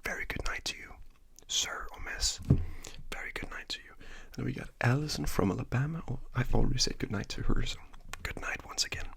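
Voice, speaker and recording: A man's voice: mid-range voice, fairly quick, gravelly, a bit bright. A young man whispering names over and over as ASMR trigger words, with casual joking asides, in a whispered role-play. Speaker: ASMR creator.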